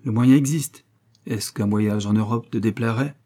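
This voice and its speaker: Old inventor dad, man doing the voice, bossy and heated, husky, kinda dark audiobook read. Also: fairly low pitch, moderate pace, natural voice. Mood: persuasive. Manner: commanding, heated. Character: domineering old male inventor, quick-tempered father. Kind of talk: audiobook character reading.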